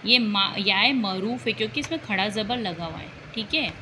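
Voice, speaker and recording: A woman's voice: mid-range voice, lively intonation, normal speed, background noise. A woman teacher giving an exam-prep language lesson, patiently repeating example words and checking in with her students.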